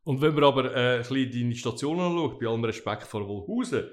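A man's voice: mid-range voice, lively intonation, fast talker. A man co-hosting an interview, asking questions with a teasing, joking edge. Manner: teasing, jokey. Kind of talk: interview conversation.

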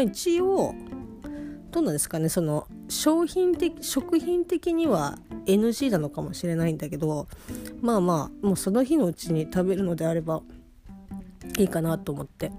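A woman chatting casually and sleepily in a rambling audio diary, talking while lying down. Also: lowish voice. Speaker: host of a personal audio diary. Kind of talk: casual monologue diary chat. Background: plucked guitar music.

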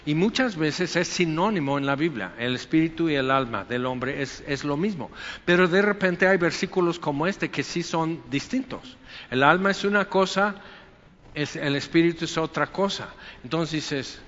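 Animated male preacher in an echoey hall. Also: on the high side, normal speed. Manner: conversational, animated preaching with quoted asides. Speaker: pastor. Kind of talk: sermon. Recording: echoey hall, dull lo-fi sound.

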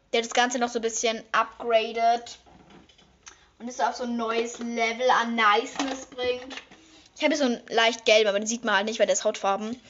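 A chatty teenage girl talks her way through a makeup routine, rambling casually and now and then jumping into high squealing excitement. Her voice sits a little high, and the recording sounds dull and lo-fi. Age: teens. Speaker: vlogger. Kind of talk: casual makeup vlog chat.

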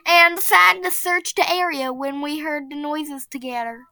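A woman hosting a casual podcast and reading a spooky story aloud. She is chatty and excitable, and she often breaks into giggles. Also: sits high, normal speed, no room sound. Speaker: podcast host.

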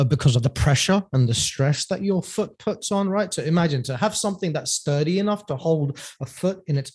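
A man's voice: fairly high pitch, a little mellow, no echo, clean studio sound. A man telling his story as a podcast guest, rambling and acting out past phone calls. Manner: rambling, many fillers and restarts, acts out phone calls. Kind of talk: casual storytelling interview.

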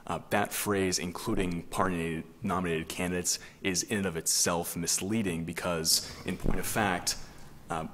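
A man speaking as an attorney in formal oral argument, explaining points in a measured, careful way. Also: low-pitched, fairly even intonation, fairly bright tone. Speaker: attorney arguing before a court. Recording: reverberant courtroom, faint noise.

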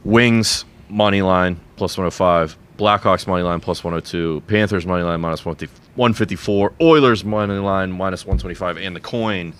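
A man with a low voice talks through his sports picks as a show panelist. His delivery is casual but measured, explaining each bet with records and statistics. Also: a bit bright.

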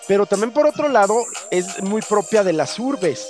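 High-voiced thoughtful man. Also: expressive, a little mellow, soft background music. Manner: measured, thoughtful, many "sí, sí". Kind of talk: reflective discussion.

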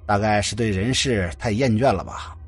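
A man doing a calm, knowing young woman. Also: fairly low pitch, normal speed, slightly rough, no echo, soft background music. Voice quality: calm, explaining.

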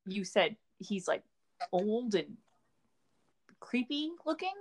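A woman's voice: medium pitch, big pitch swings, takes it slowly. A young woman in casual chat among friends, teasing and hesitant with many fillers.

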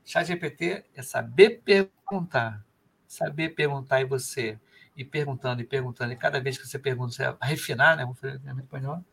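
A man's voice: mid-range voice, a little fast, gravelly, a bit bright, slight background noise. A man with a Brazilian Portuguese accent hosting a live podcast, chatting loosely and reading out listener messages. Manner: rambling, reads out listener chat. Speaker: podcast host. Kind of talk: casual live podcast chat.

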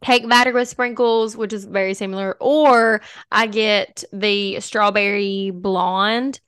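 A woman's voice: mid-range voice, fairly even intonation, takes it slowly, fairly bright tone, clean tone, no echo. A young woman co-hosting a podcast, chatting casually and gushing with lots of laughter. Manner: bubbly, gushing, laughs often. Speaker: podcast co-host. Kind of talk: casual chat.

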